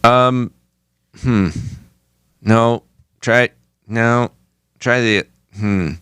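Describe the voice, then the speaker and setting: A man's voice: mid-range voice, fairly even intonation, very slow, fairly bright tone, smooth, no echo, clean studio sound. A man co-hosting a podcast in casual chat, with wry, laid-back banter. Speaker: podcast co-host.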